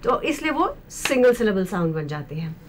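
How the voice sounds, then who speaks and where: A woman teaching as a special education expert, speaking in a slow, deliberate way and mixing Hindi with English. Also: medium pitch, big pitch swings, slight background noise. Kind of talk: explanatory lecture discussion.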